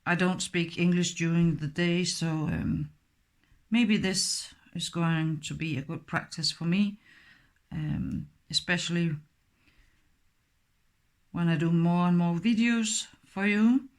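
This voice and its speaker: Speaking in a lowish voice with fairly even intonation, this middle-aged Danish woman, Danish by birth and accent, guides listeners through a craft project step by step, slow and hesitant, full of fillers.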